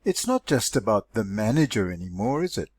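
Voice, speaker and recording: A man's voice: fairly low pitch, sing-song, a little fast, husky, no echo. A man reads the part of a puzzled male business colleague in a story, musing and questioning in a conversational way. He sounds sceptical, in a very dry recording. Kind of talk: story dialogue read aloud.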